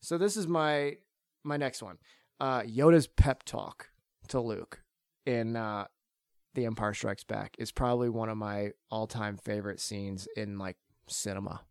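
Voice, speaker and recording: A man's voice: on the low side, fairly even intonation, measured pace, darkish tone, clear, resonant tone, no echo, clean studio sound. A man hosting a casual podcast, talking enthusiastically in long runs full of fillers. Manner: rambling, enthusiastic, many fillers. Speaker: podcast host. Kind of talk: casual chat.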